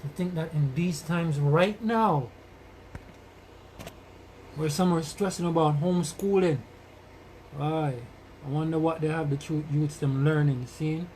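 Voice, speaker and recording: A man's voice: on the high side, unhurried, long pauses, darkish tone. A man hosting a casual live podcast in Rasta-style speech, greeting his community with blessings and repeating phrases for emphasis. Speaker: podcast host. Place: moving around while live streaming, away from the mic. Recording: noisy, distant live-stream sound.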